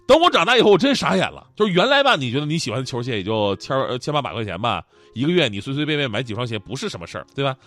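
A man's voice: medium pitch, very fast, few pauses. A man, hosting and telling funny stories lots of laughter. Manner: animated, joking, laughing often. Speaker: host. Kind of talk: comedic storytelling.

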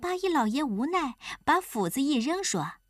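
A woman narrating a children's folk tale in an expressive storytelling manner. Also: sits high, moderate pace, no room sound, studio quality.

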